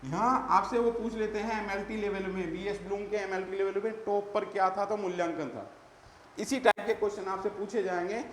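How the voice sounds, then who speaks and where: A man's voice: high-pitched, fairly even intonation, brisk, fairly bright tone, echoey room, a little hiss or hum. A male teacher giving an exam-prep lecture, calling his students "beta" and repeating the key terms.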